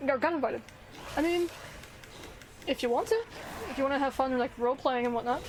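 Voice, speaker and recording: A woman's voice: high voice, brisk, a little hiss or hum. A woman streamer chatting casually with viewers while she plays a video game. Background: faint game music.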